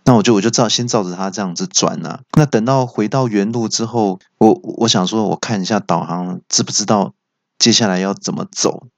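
A man with a Taiwanese Mandarin accent telling comic stories in a chatty monologue, stumbling and restarting with excited outbursts. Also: lowish voice, a little fast, dry recording. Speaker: stand-up comedian. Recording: slightly dull, dry recording.

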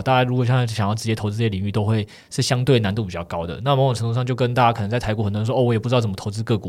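Brisk Taiwanese Mandarin podcast host, man. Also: mid-range voice, a little mellow. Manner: brisk, teacherly explaining. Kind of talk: casual explanatory chat.

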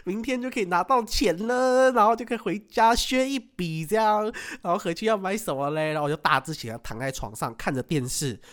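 A man telling a story in casual chat, animated, laughing often and acting out what he said. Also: high voice, brisk, few pauses. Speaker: podcast co-host.

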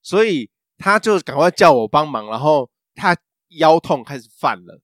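A man's voice: a little high, big pitch swings, moderate pace, dry recording, clean studio sound. A man, co-hosting a casual podcast chat and telling a rambling story full of fillers and restarts. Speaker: podcast co-host.

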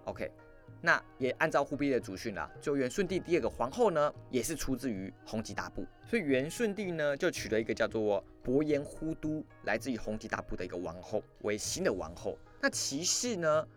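Fast animated storyteller, male. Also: mid-range voice. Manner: lively, conversational, quick asides to the listener. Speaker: podcast host. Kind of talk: storytelling history podcast. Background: faint background music.

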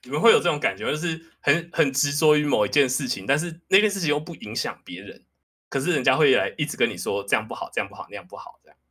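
A man's voice: mid-range voice, lively intonation, quick pace, bright, forceful tone, breathy edge. A man, hosting a podcast in casual chat, talking candidly and self-deprecatingly. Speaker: podcast host.

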